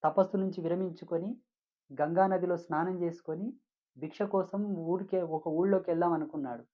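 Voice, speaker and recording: A man's voice: high voice, fairly even intonation, brisk, dull audio. A man preaching a devotional sermon as a spiritual teacher, emphatic and repetitive, with frequent rhetorical questions.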